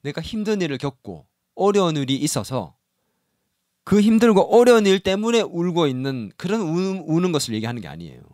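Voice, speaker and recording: A middle-aged male pastor preaching with a high, lively voice that climbs and drops widely. He acts out little quoted voices as he goes, and the sound is dry and close. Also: brisk, no room sound. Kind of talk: sermon. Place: church sanctuary.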